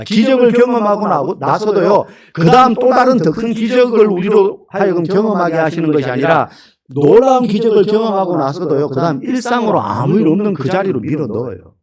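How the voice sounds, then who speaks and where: Brief: male pastor, higher-pitched voice, animated emphatic sermon delivery. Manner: animated, emphatic preaching with rhetorical questions.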